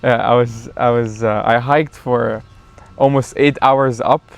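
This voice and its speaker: A man chatting as a guest in a casual backyard interview, telling a story in a relaxed, rambling way with fillers. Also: mid-range voice, measured pace, gravelly, clean tone.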